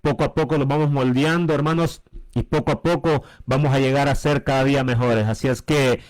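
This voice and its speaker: A man co-hosting a Bible teaching with his wife, speaking slowly and warmly addressing his listeners as brothers. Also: mid-range voice, steady tone. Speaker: pastor.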